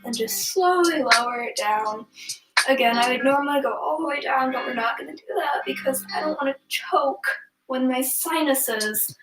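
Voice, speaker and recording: At normal speed and with a high voice, a young stretching instructor with a congested nose chats and rambles through a class from her home room. She laughs easily and says um often, against an echoey, noisy backdrop.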